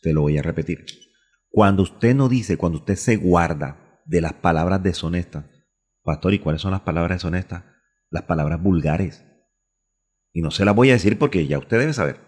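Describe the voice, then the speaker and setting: A man from Colombia delivers a radio sermon in a very low, husky voice. He asks questions aloud and answers them himself, repeating key phrases for emphasis. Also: animated, normal speed, a little mellow, long reverb tail. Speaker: pastor.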